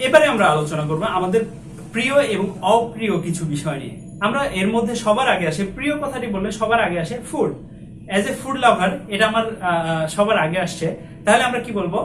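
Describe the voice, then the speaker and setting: A man in his twenties from Bangladesh teaching a spoken English lesson, slowly drilling each phrase and repeating it for learners. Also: high-pitched, animated, a bit bright, echoey room, far from the mic, slight background noise. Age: 20s.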